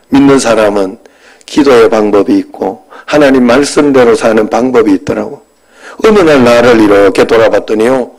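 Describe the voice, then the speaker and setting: Preaching conversationally, this pastor in his fifties recounts a personal story, alternating sudden loud moments with soft side remarks. His pitch is medium and the audio quality is poor.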